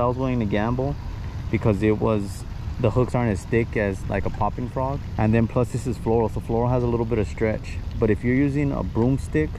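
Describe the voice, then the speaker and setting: A man's voice: mid-range voice, mellow. A man casually explaining his fishing technique step by step to viewers while on a lake shore. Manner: chatty, explains step by step, addresses viewers as guys. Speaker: fishing vlogger. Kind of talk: casual instructional talk to camera. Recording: outdoor recording with clear background noise.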